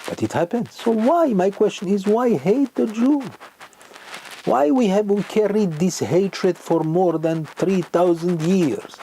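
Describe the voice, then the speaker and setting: An older man, a rabbi preaching a sermon with emphatic rhetorical questions and sudden rises in pitch. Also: unhurried, mellow, a little hiss or hum, low-quality recording. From Morocco.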